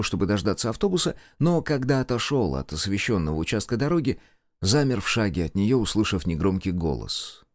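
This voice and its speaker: Lively low-voiced male audiobook narrator. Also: no room sound, studio quality.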